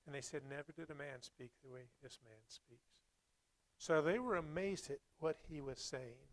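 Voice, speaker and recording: A man preaching a Sunday sermon, reading scripture and commenting on it in a plainspoken, reflective, halting way. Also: fairly high pitch, no room sound, poor audio.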